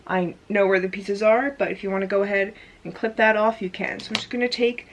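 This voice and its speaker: Chatty woman with a mid-pitched voice. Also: steady tone, a little fast. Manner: chatty, with frequent "like" fillers. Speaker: hair tutorial vlogger. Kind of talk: casual step-by-step demonstration. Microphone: camera in front of her.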